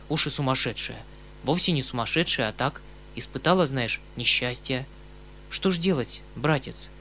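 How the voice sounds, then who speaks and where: A man's voice: medium pitch, fairly bright tone, a little hiss or hum, natural voice. A man reading an audiobook, voicing a kindly, emotional older uncle who pleads and exclaims. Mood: resigned.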